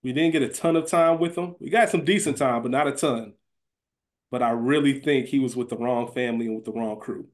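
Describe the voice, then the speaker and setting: A man with a mid-range voice co-hosts a podcast, talking a little fast. The conversation is casual, and his language is colloquial and full of slang.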